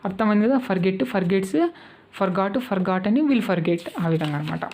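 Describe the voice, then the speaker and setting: A woman's voice: medium pitch, expressive, a little fast, a little mellow, a little hiss or hum. A woman with a Telugu accent teaching spoken English, patiently repeating each verb form and checking that her students follow.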